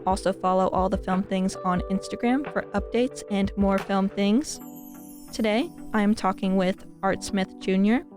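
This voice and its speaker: A woman hosts a film podcast, reading her introductions and asking questions with bright enthusiasm. Her voice sits at an average pitch, and soft music plays faintly behind her. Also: fairly even intonation, normal speed. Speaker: podcast host. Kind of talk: interview podcast.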